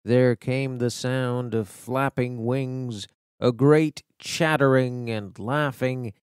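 A man's voice: mid-range voice, clear, resonant tone, no room sound, studio quality. A man reading a children's fantasy story aloud as an audiobook narrator. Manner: slow, animated storytelling. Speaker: audiobook reader.

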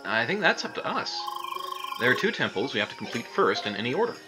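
A woman voicing a friendly, level-headed young male game companion in a calm, mild way. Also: extremely low pitch, quick pace. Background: loud game music.

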